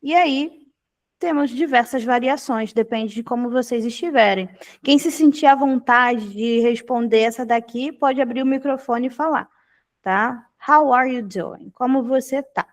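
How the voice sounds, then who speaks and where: A young adult woman from Brazil teaching an online English class over a video call, explaining patiently and checking in often with the students. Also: fairly high pitch. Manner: explanatory, frequent "tá?" checks, repeats phrases slowly.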